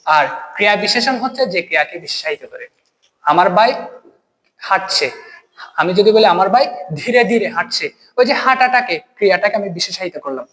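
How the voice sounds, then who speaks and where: A man's voice: high voice, a bit bright. A man with a Bangladeshi accent teaching an online grammar lesson, asking quiz questions and answering them himself. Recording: long reverb.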